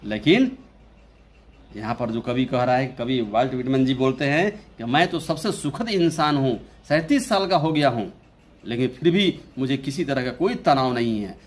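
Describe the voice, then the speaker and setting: In this Hindi lesson explaining a poem, a young man with an Indian English accent and a fairly high pitch works through an English poem. His delivery is slow and repetitive, and he reads the English lines very slowly.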